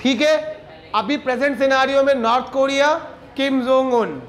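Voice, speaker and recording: This civics teacher, an Indian-accented man, speaks at a moderate pace in a very high voice. Mixing Hindi with English, he asks himself rhetorical questions and keeps checking on the class during his lecture.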